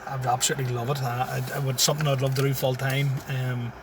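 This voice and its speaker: Recorded on a phone from a distance amid background noise, this Syrian-born comedian in his thirties, who grew up in Tyrone and has the local accent, chats casually as an interview guest in a parked car. His mid-range voice is flat and quick, while his manner is easygoing and full of chuckles.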